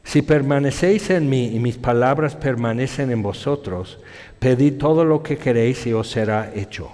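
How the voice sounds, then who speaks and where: A man preaching a sermon, telling stories in an animated way and voicing other people in his quotes. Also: medium pitch, moderate pace. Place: church hall. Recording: long hall reverb.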